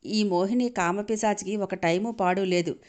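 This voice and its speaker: A woman voicing a sharp-tongued young wife who scolds and snaps back in an audio story. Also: mid-range voice, fairly even intonation, close to an everyday voice. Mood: sharp, scolding. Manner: scolding, quick comebacks.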